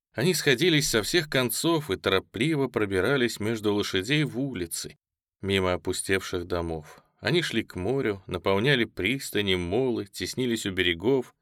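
A man reading a novel aloud in a measured, solemn manner, close to the mic. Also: fairly low pitch, a bit bright, no echo. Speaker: audiobook narrator. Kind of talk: scripted literary narration.

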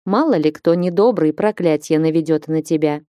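A woman voicing an old village witch and healer who speaks slowly and staidly, with a grumbling tone. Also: sits low, dark tone, no echo, studio quality, close to an everyday voice.

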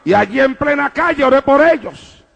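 A man's voice: extremely high pitch, animated, normal speed, gravelly, highs cut off. A male pastor preaching a fervent sermon to a congregation, with repeated refrains and calls of praise. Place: church service before a congregation.

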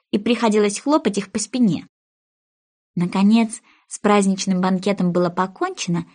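Expressive woman narrating a fairy tale. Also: mid-range voice.

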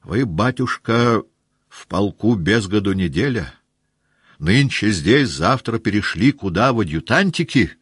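A gruff old staff-captain from an audiobook, scolding a young officer with fatherly reproach. A man acts him out, low and slow, with a husky edge and a dry, close sound. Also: no room sound, full character voice. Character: old blunt cavalry staff-captain, stern and honest.

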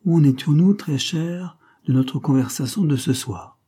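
A man's voice: on the high side, moderate pace, warm tone, slightly rough, voice pushed up. A man reading an audiobook, voicing a scornful, domineering creole woman who talks in a cold, mocking tone. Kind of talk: audiobook character voice.

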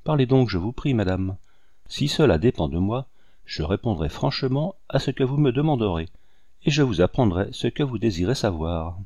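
A man reading the lines of a gentle, kindly young married woman in an audiobook, speaking softly and coaxingly. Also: fairly low pitch, lively intonation, moderate pace, dry recording, lo-fi sound. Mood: tender. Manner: soft, coaxing delivery.

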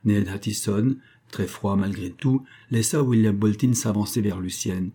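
A man narrating an audiobook in a steady, measured reading style. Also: on the low side, husky. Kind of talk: scripted narration.

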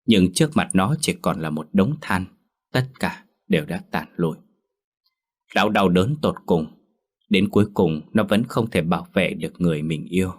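Một người đàn ông kể truyện ma theo kịch bản, giọng đều và kịch tính. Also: male voice, sits low, moderate pace. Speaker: storyteller. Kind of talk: scripted narration of a ghost story.

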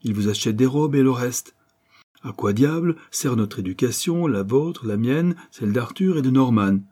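A man reading the part of a frank young man who argues in a brisk, sardonic way. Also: medium pitch, animated, warm tone, breathy edge. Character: frank, blunt young man, mocking lecturer.

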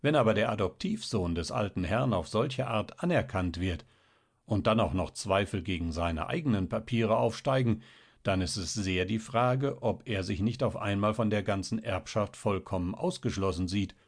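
A man voicing a genial, knowing middle-aged official and father in a read-aloud story, measured and wry. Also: lowish voice. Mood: explaining.

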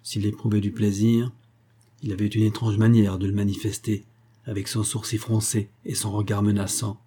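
A man narrating a classic novel in a measured, even reading voice. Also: lowish voice, a little hiss or hum. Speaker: audiobook reader. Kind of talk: scripted narration.

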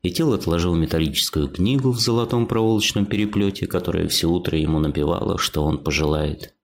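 A man narrating an audiobook story in a measured storytelling manner. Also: low voice. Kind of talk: scripted narration.

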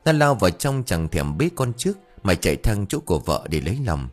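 A man narrating a ghost story audiobook with lively storytelling, voicing all the characters himself. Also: low voice, fairly quick, soft background music. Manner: animated storytelling, voices every character himself.

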